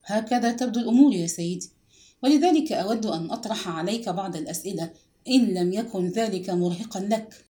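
A woman voicing a gentle, weary police inspector. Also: medium pitch, fast, close to an everyday voice. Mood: grave, gentle.

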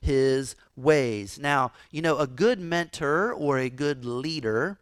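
Male pastor, sermon delivery, animated storytelling, mid pitch, dry mic. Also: slow pace, clear, resonant tone, no room sound. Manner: animated storytelling, acts out quoted voices.

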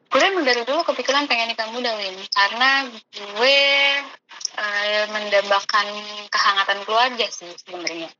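A woman's voice: mid-range voice, normal speed. A young woman, chatting casually about her own life as a guest. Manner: chatty, uses Jakarta slang. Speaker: guest telling her story. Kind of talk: casual chat. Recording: muffled with clear background noise.

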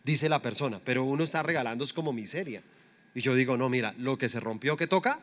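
A man's voice: mid-range voice, lively intonation, quick pace, fairly bright tone. A middle-aged man preaching a conversational sermon, full of rhetorical questions to the congregation. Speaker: pastor.

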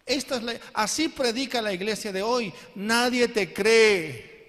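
High-voiced male pastor in a reverberant hall. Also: unhurried, fairly bright tone. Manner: asks the congregation questions again and again. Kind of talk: sermon.

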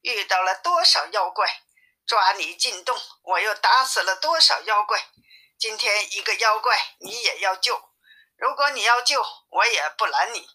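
A woman reading aloud voices a shrewd, blunt male monkey-king disciple who talks in a brisk, scolding way. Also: mid-range voice, lively intonation, bright, forceful tone. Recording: tinny phone-like sound.

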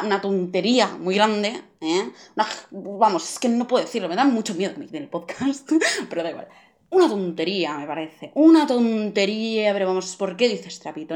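A woman's voice: mid-range voice, a little mellow. A young woman hosting her own podcast, venting in an exasperated rant with sarcastic asides. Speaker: podcast host. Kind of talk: venting monologue.

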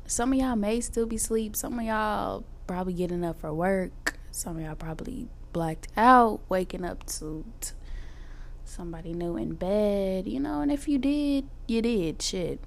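A woman's voice: medium pitch, vocal fry. A twenty-year-old woman hosting a casual solo podcast, speaking candidly and expressively in informal slang full of y'alls while dealing with cramps and tooth pain. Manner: informal Southern-style slang, y'all and finna. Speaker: podcast host. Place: apartment room.

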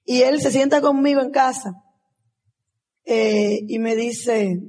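A woman's voice: a little high, slow, a little mellow. A woman, giving a motivational testimonial as a convention speaker and acting out the dialogue of her story.

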